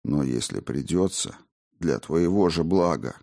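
A man voicing a gruff, evasive middle-aged father who answers in curt, grumbling tones in an audiobook. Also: rumbling low, expressive, a little slow, dark tone, pitched below the performer's own voice, exaggerated voice. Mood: hushed.

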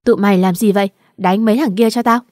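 A woman's voice: mid-range voice, fairly even intonation, quick pace, darkish tone, no room sound, studio quality, lightly acted. A woman voicing a spiteful young pregnant woman who screeches and wails hysterically in a storybook reading. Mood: screeching.

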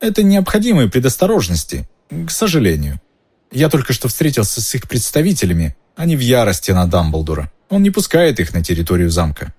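A man's voice: mid-range voice, wildly swooping pitch, fairly quick, a little mellow, husky, voice pushed up. A man voicing a stout, pompous government minister with a confiding, ingratiating manner in an audiobook. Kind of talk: audiobook character voice.

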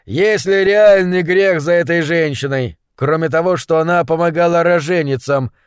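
A solemn investigator of witchcraft, put on by a man narrating a storybook, delivering learned pronouncements in a formal, measured way. His voice rises above the narrator's own, and the recording is dry and close. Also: fairly high pitch, clean tone, no room sound, natural voice. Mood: questioning.

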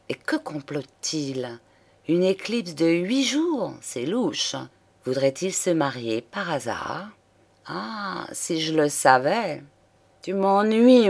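A woman's voice: mid-range voice, voice pushed up, lightly acted. Juliette, a wilful young mistress, voiced by a woman. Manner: coaxing, then sharp and threatening.

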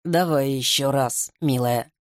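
A woman's voice: a bass voice, unhurried, no echo, clean studio sound, voice pushed down. A woman reading voicing a worried father who speaks in a strained, subdued voice in an audiobook. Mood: gentle. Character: worried gentle father, a grown man.

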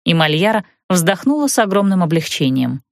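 A woman narrating a fantasy audiobook in an even storytelling manner. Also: on the low side, fairly quick, no echo, studio quality.

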